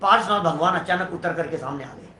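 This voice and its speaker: A man preaching a devotional sermon, lively and constantly questioning his audience. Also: on the high side, fast, reverberant, slight background noise. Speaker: Jain preacher. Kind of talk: devotional sermon with sung hymn lines.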